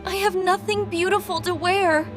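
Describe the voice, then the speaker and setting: A woman voicing a gentle, hopeful young Cinderella who speaks in a soft, earnest, pleading storybook manner, with music playing behind. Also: very high voice, steady tone, moderate pace. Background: orchestral music.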